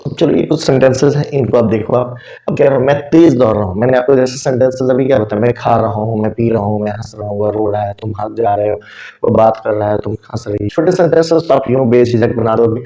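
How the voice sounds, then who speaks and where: A man teaches grammar patiently, walking through one example after another and answering his own questions. His voice is dark and mellow. The recording is dull and lo-fi. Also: medium pitch, fairly even intonation, fast. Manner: patient, explains step by step with examples; asks questions and answers them himself. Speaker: English teacher. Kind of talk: spoken English lesson explained in Hindi.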